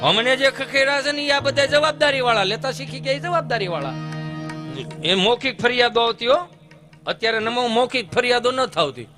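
A man's voice: very high-pitched, normal speed, sharp tone, soft background music. A man with a Kathiyawadi Gujarati accent telling folk comedy stories on stage, acting out village characters with sudden voice shifts. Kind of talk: stage comic storytelling.

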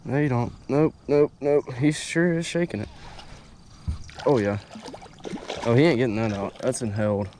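A young man talking casually as he fishes from a small boat on a lake, getting excitable when a fish bites. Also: medium pitch, moderate pace, long pauses. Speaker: angler filming his fishing trip. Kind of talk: casual fishing vlog chat. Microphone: head-mounted action camera. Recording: noisy outdoor action-camera audio. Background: steady outdoor noise of wind and water.

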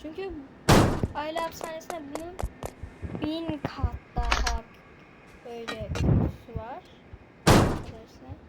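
A woman talks her viewers through a video game in casual commentary, her voice sitting high and bright. She reacts out loud to everything, firing off quick startled questions. Loud background noise and clicking run under the whole recording. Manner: excitable, keeps exclaiming and asking questions aloud. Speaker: gaming video creator.

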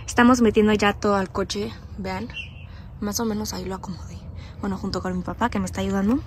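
A young vlogger in her twenties with a Mexican Spanish accent chats casually to her handheld phone camera while pricing and showing clothes, first in her bedroom at home and then at an outdoor bazaar. She speaks quickly with a mid-range voice and fairly even intonation, with background noise present.

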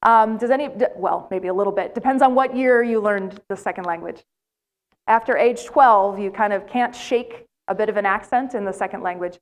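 A middle-aged American woman gives a plenary lecture in a large lecture hall, speaking in a mid-range voice at normal speed. As the plenary speaker, she tells animated stories and puts questions to the audience.

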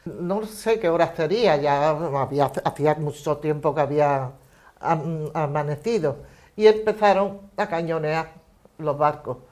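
An older woman giving personal testimony in a measured storytelling way, voicing the lines of the people in her memory. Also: deep voice, a little mellow. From Spain. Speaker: eyewitness interviewee.

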